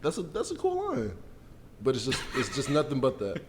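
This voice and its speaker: Animated slangy man in podcast banter. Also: medium pitch, noisy background. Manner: animated, slangy, quick to laugh. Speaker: podcast co-host. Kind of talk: casual chat.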